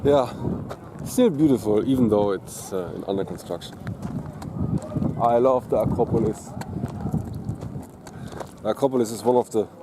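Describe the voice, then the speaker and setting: A man chatting casually as a travel vlogger, rambling and hesitant with many pauses. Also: fairly low pitch. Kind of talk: casual travel vlog commentary. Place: outdoors in a busy city. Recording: noisy outdoor city recording. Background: street noise and traffic.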